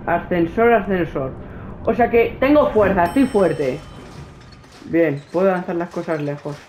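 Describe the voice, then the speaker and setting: A man's voice: sits high, measured pace, darkish tone, a little hiss or hum. A man with a Spain Spanish accent doing let's play commentary, talking to his game character and nervously pleading. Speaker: gaming youtuber.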